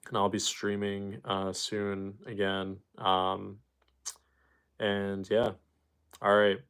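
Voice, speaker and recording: A man's voice: fairly low pitch, monotone, takes it slowly, fairly bright tone, clean tone. A man live streaming, reading viewer comments aloud and answering them in loose, rambling casual chat. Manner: rambling, with fillers and restarts.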